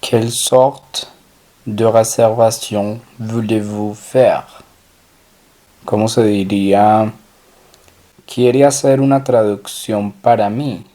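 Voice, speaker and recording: A man leads a recorded language lesson, asking questions and then repeating the answers with care. His delivery is very unhurried, with a mellow, dark tone and a voice sitting somewhat low. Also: fairly even intonation. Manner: slow, deliberate drilling with repeated French phrases. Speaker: language teacher.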